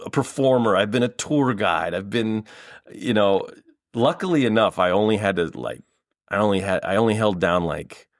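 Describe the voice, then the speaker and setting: A man's voice: on the low side, normal speed, dry recording, studio quality. A man in his thirties, a guest on a podcast, talking casually and at length, with the odd swear. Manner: rambling, long-winded, casual swearing. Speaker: improviser and guest.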